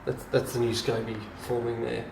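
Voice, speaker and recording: A man's voice: medium pitch, little pitch movement, moderate pace, vocal fry. Home brewer man, unscripted how-to, filler-heavy delivery, recorded on a distant camera with noticeable background hiss. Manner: rambling, lots of ums and restarts. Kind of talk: casual how-to video. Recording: roomy and distant camera mic.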